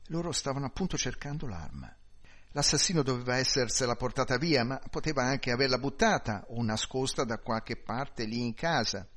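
Brief: male audiobook narrator; calm, measured storytelling. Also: medium pitch. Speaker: audiobook reader.

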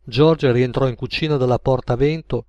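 A man narrating an audiobook in a measured, even manner. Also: medium pitch, no room sound, dull audio. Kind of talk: audiobook reading.

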